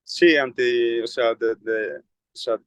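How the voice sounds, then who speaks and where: A man's voice: mid-range voice, fairly even intonation, slow, smooth, no echo, rough recording. A man, a guest in a casual conversation, talking in a reflective way and thinking aloud.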